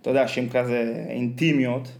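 A man's voice: mid-range voice, level tone, darkish tone. A man with an Israeli accent chatting casually and telling anecdotes in a rambling, colloquial way full of slang fillers.

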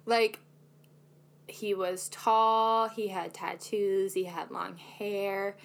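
A woman's voice: mid-range voice, level tone, extremely slow, vocal fry. A young woman co-hosting a podcast, telling a dating story in a chatty, self-mocking way with lots of fillers. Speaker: podcast co-host. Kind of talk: casual chat.

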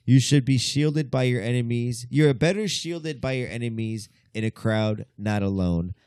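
A man's voice: medium pitch, normal speed, a little mellow, dry recording, studio quality. A man hosting a casual podcast chat, reading list items aloud and riffing on them with swearing. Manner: reads list items aloud, then riffs with profanity. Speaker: podcast host.

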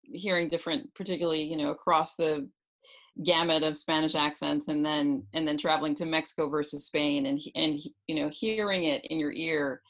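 A woman's voice: low-pitched, steady tone, brisk. Reflective New York woman in her forties. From New York City. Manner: rambling, reflective, many fillers. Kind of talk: casual chat.

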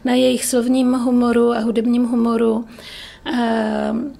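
A woman answering an interview in a slow, reflective way. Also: fairly high pitch, monotone, creaky, dark tone.

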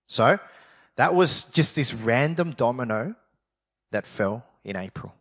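A man's voice: mid-range voice, animated, unhurried, a bit bright, husky. Man, pastor, conversational sermon, storytelling, rhetorical questions. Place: church.

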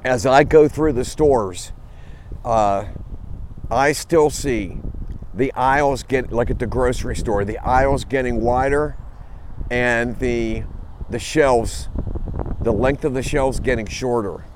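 A man's voice: medium pitch, a little mellow. Rambling man recorded on a phone outdoors. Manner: rambling, halting with frequent fillers and restarts. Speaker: podcast host. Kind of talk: casual spoken monologue. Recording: phone recording with wind and traffic noise.

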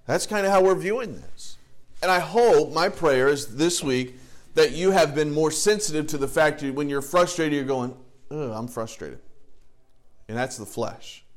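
Higher-voiced man preaching a sermon. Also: moderate pace. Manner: conversational preaching, joking asides, lists with rising emphasis. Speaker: pastor.

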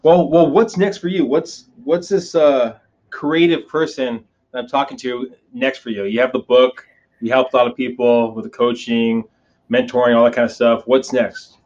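A man's voice: medium pitch, steady tone, normal speed, darkish tone, lo-fi sound. A man hosting a conversational interview podcast, rambling a little as he rephrases his questions. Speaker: podcast host.

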